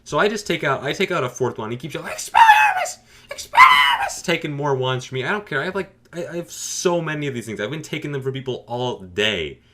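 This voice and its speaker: A man telling a comic story as a YouTuber, animated, with dry sarcastic asides. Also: mid-range voice, fast talker, few pauses, raised voice, a little hiss or hum. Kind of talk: comedic storytelling.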